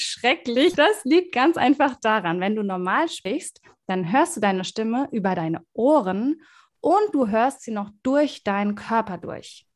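A woman, a voice expert, explaining to children in an interview and speaking to them directly and encouragingly. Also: on the high side. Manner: warm, encouraging, speaks directly to kids with vivid examples. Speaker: voice and communication expert, guest.

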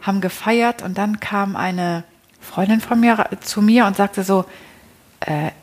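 A woman speaks as an interview guest, recounting her life in a loose, conversational way. Her pitch sits in the middle range. She often breaks off and restarts her sentences, and she keeps checking in with small tag questions. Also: measured pace. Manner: chatty, frequent tag questions and self-restarts. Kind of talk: casual personal storytelling.

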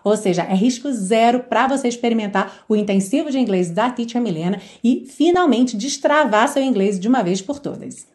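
A woman teaching English pronunciation, singing lyric lines slowly and repeating single words in a drawn-out way. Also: on the high side, lively intonation, a little mellow. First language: Portuguese.

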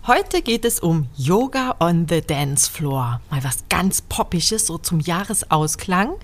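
A woman's voice: fairly low pitch, sing-song, takes it slowly, a little hiss or hum. A woman hosting a podcast, asking casual, playful questions and chiming in with short agreeing words. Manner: friendly, playful questions, affirming interjections. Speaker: podcast host. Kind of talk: casual interview chat.

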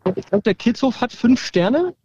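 A man speaks over the phone, calling in to report live. His voice sits fairly high, and the line sounds dull and dry. He talks in a relaxed, chatty way, with pauses and fillers as he describes things. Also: slightly rough, no echo. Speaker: fan blogger calling in from training camp.

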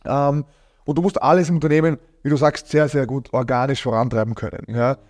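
A man in his thirties, an agency founder, talking casually in an interview with many fillers. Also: mid-range voice. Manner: fast, animated, many fillers.

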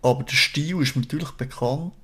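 A man's voice: mid-range voice, a little fast, bright, forceful tone, breathy edge. A man, co-hosting a film podcast, speaking modestly and hesitantly. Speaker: podcast co-host. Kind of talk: casual film review chat.

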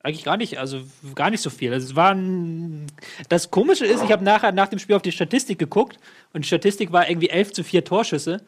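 A man with a notably high voice holds forth in a casual football chat. He argues his case at length, circling back with fillers and half-finished starts. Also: fast. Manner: argumentative, rambling with lots of fillers. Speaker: football pundit.

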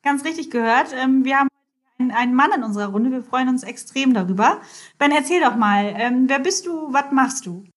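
High-voiced cheerful woman podcast host. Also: animated, brisk. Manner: cheerful, laughs between questions. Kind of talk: podcast interview.

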